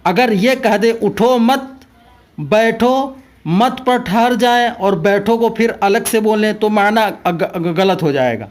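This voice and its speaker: A man's voice: high-pitched, hardly any pauses. A man teaching a lesson, explaining things step by step with spoken examples.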